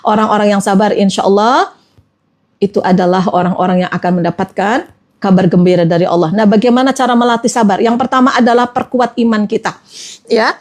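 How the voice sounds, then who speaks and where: A woman's voice: medium pitch, fairly even intonation, brisk. A woman, giving an Islamic motivational talk as a trainer and coaxing her listeners with repeated phrases. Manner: repetitive, coaxing, addresses listeners as friends.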